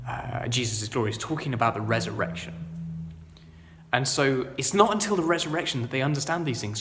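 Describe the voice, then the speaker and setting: A fairly high, bright-toned man preaches in a church with a long reverb trailing his words. He is earnest and conversational, rising to loud proclamation and dropping to quiet reflection. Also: slight background noise. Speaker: vicar. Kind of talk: sermon.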